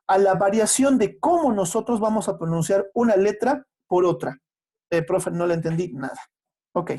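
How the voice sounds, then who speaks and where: A teacher explains a language lesson to a class. The voice is dark and mellow, at a middling pitch. The teacher stretches out individual sounds to show how they are said. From Peru. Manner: patient, explanatory, poses rhetorical questions and answers them; slows down to spell out sounds and letters. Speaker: secondary school language teacher.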